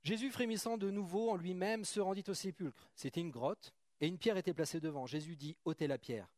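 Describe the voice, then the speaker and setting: Preacher man, fairly high voice. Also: a little fast, darkish tone, dry recording, studio quality. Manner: reads scripture then comments casually, chatty asides to the congregation. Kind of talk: sermon with Bible reading. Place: church.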